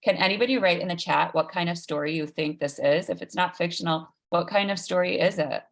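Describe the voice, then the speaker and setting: Speaking briskly in a lowish voice, the host of a children's online read-aloud event delivers announcements, talking informally and straight to her audience.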